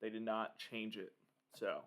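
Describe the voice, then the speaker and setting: A man's voice: fairly low pitch, steady tone, measured pace, fairly bright tone. Casual man doing live storm commentary. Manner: informal, thinking aloud, addressing viewers. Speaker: livestream weather commentator.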